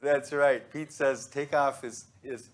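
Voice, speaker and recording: A man's voice: mid-range voice, steady tone. A man in his thirties, a pastor giving a conversational, joking sermon in a church sanctuary. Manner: conversational and joking, with pauses and restarts.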